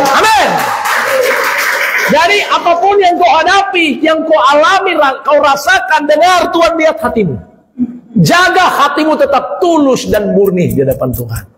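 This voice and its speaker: A male preacher with a Manado Malay accent, preaching a dramatic evangelistic sermon, often shouting and acting out scenes, in a detention center hall. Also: high voice. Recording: echoey hall with long reverb.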